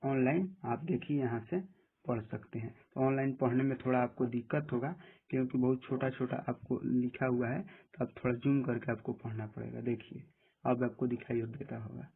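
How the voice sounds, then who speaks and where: A man with a husky voice giving plain step-by-step instructions in a screen-recorded app tutorial. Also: mid-range voice, fairly even intonation, normal speed, slight background noise. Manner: plain step-by-step instructions, often saying "dekhiye". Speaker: tutorial presenter. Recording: tinny phone-like audio.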